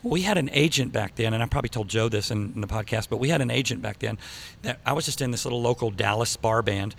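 A man's voice: mid-range voice, quick pace. A middle-aged man hosting a casual, chatty interview in an echoey room. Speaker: podcast host. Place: echoey hockey arena conference room. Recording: echoey room, clear background noise.

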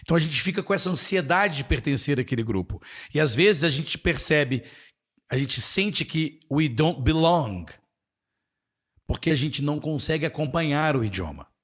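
A man's voice: a little high, expressive, normal speed, a bit bright, slightly rough. A middle-aged Brazilian man hosting a live English class, encouraging viewers and repeating key phrases, mixing in English. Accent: Brazilian Portuguese.

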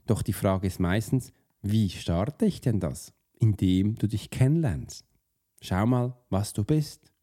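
A man delivers a motivational lesson in a low, mellow voice. He speaks directly to the listener in a casual, informal way. He asks many rhetorical questions and often breaks off words to start them again. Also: animated, takes it slowly. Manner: informal, restarts mid-word. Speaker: profiling coach. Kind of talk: motivational teaching monologue.

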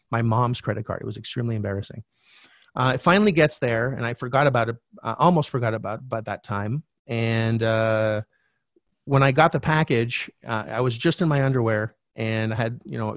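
A man's voice: mid-range voice, gravelly, no room sound, clean studio sound. Frank middle-aged man telling his story. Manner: frank, animated storyteller who swears casually. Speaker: podcast guest, real estate coach. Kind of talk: candid storytelling.

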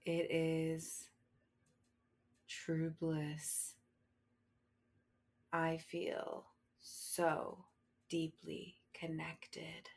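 Very slow, intimate woman close to the ear. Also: deep voice, completely flat delivery, darkish tone, husky. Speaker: host of a sensual devotional show. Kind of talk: slow, sensual guided meditation, intimate and close.

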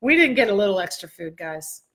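A woman's voice: mid-range voice, sing-song, fairly quick, a bit bright, husky. A woman co-hosting a podcast, talking in a chatty, teasing way. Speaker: podcast co-host. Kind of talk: casual chat.

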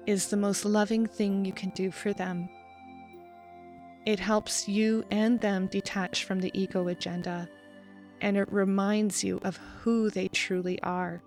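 Podcast host, woman, middle-range pitch; steady, measured guided meditation with gentle pauses and soft music behind. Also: vocal fry.

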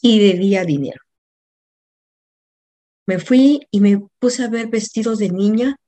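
A middle-aged woman with a Mexican accent, a coach recounting a personal story in a lively, anecdotal way, often correcting herself mid-sentence. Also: medium pitch, unhurried.

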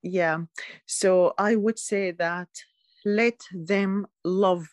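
A woman's voice: medium pitch, steady tone, very slow, no echo. A woman from Syria, talking as a guest in a casual chat, often hesitant and restarting her sentences. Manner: hesitant, many restarts and fillers.

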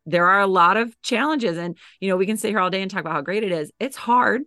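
Here the podcast guest talks fast, her medium-pitched voice sharp in tone but scratchy and worn from teaching. The dance coach and educator keeps the interview casual, full of fillers and false starts, in clean, dry studio sound.

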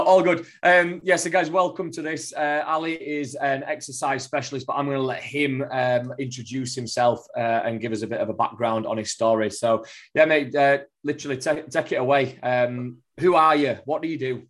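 A man's voice: mid-range voice, steady tone, moderate pace, fairly bright tone. A man hosting a podcast, casual and teasing with his guest. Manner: jokey, teasing. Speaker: podcast host.

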